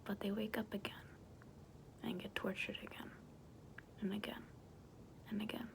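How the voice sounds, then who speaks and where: A woman in a whispered role-play voicing a sly, persuasive she-devil, in a breathy, coaxing demonic whisper. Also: mid-range voice, level tone, moderate pace, close to an everyday voice. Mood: dark, matter-of-fact. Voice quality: breathy whisper with creaky edges.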